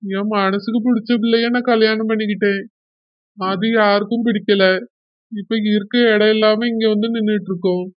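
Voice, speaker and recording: A woman's voice: mid-range voice, fairly even intonation, moderate pace, no echo, muffled recording, natural voice. A woman playing a worried young husband. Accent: Kanyakumari Tamil. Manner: soothing, hesitant, repeats wife's name. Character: worried young husband, press shop owner.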